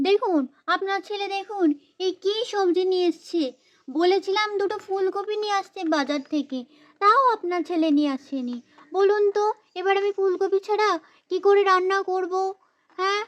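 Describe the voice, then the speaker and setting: A woman's voice: extremely high pitch, moderate pace. A woman voicing a fussy young village housewife in a doll story, grumbling and scolding as she talks. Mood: fussing.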